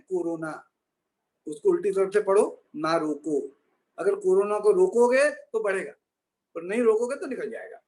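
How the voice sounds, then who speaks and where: A man, delivering a humorous motivational lecture. He builds jokes on playful wordplay and tends to drop to a softer tone for each punchline. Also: high-pitched. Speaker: guest speaker.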